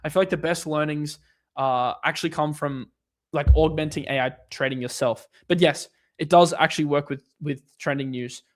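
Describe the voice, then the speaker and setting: A man's voice: on the high side, steady tone, moderate pace. A man hosting a casual livestream Q&A, answering viewer questions in a loose, rambling way with lots of fillers and restarts.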